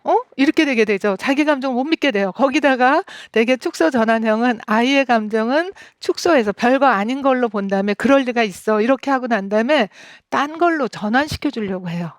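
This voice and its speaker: A woman's voice: a little high, brisk, few pauses, dry recording, studio quality. A woman giving a stage talk on parenting, explaining step by step and acting out examples. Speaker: lecturer on parenting and emotion coaching.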